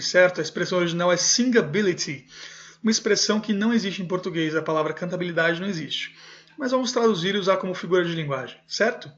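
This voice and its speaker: A man with a rather high voice teaches a video lesson, reading a book aloud and explaining it. He often checks in with a questioning "certo?" and fixes his own slips. The recording sounds dull and lo-fi. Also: fairly bright tone. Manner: keeps adding a questioning "certo?" tag, corrects himself aloud. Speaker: music teacher.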